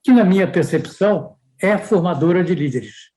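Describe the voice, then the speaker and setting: A man with a somewhat high voice hosts a podcast conversation. He speaks thoughtfully and puts questions to his guest. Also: animated, normal speed, warm tone, poor audio. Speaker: podcast host.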